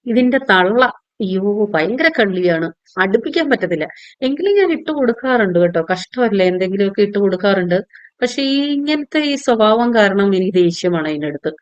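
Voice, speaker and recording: Woman, home vlogger, chatty homely narration, smooth voice, dry slightly muffled recording. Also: medium pitch, animated, moderate pace, dry recording. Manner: homely and talkative, often adding a friendly tag to sentences. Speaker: vlogger and home pickle maker. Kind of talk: chatty voice-over vlog narration.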